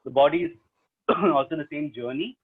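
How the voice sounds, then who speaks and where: A man's voice: a little high, animated, normal speed, husky. South Indian man, thin phone-like sound. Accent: South Indian English. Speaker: storyteller and stage performer. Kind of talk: webinar question-and-answer talk. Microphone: video call. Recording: narrow, phone-like online call audio.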